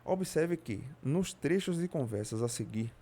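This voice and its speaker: A man with a Brazilian Portuguese accent reading a nonfiction audiobook aloud in a steady way, now and then slipping on a word and correcting himself. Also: mid-range voice, measured pace, gravelly. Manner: steady reading with occasional slips and self-corrections. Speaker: audiobook reader.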